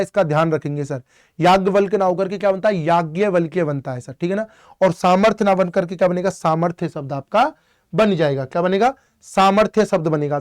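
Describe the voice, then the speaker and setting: Male tutor with a high voice, drilling exam words with rhetorical questions. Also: a little mellow. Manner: drills each word with repeated rhetorical questions; draws out words slowly for emphasis. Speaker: Hindi teacher. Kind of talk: online exam-prep lesson.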